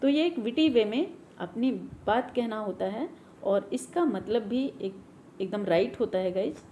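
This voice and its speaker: Lady teacher doing quick exam revision, slightly high voice, keeps saying guys, bit of faint noise behind. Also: expressive, warm tone, dull audio. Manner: mixes Hindi and English, reads English definitions slowly; often adds "guys" and "theek hai".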